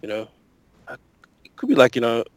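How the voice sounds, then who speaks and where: A man's voice: mid-range voice, huge pitch swings, moderate pace, no room sound, poor audio. An easygoing man chatting as a podcast guest, often chuckling in the middle of his sentences. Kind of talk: casual interview chat.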